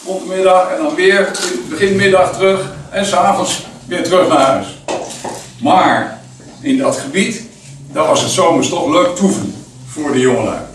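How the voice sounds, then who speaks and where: A man reading a first-person memoir aloud in a deliberate storytelling manner, now and then adding loose spoken asides. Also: on the high side. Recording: echoey, distant mic, faint noise.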